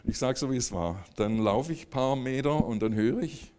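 A man's voice: medium pitch, normal speed, darkish tone. A man telling a personal faith story to an audience, casual and full of fillers and tag questions. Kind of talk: spoken testimony to a live audience.

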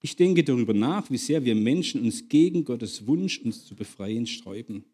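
A man preaching a sermon and reading a story aloud, emphatic and swinging between loud and hushed. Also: mid-range voice, expressive, moderate pace, husky.

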